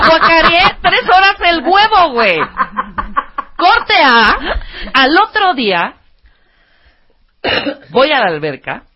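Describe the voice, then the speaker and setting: Mexican lady cracking up telling a story, bouncy voice, kinda muffled radio sound. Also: on the high side. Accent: Mexican Spanish. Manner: animated, laughing, acts out voices in her story. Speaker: co-host. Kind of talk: casual storytelling chat.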